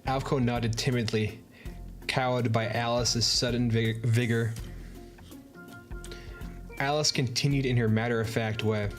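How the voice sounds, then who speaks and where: A man's voice: medium pitch, steady tone, unhurried, long pauses, faint music behind. Easygoing man reading a visual novel. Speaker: streamer. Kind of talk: casual gameplay commentary and narration reading.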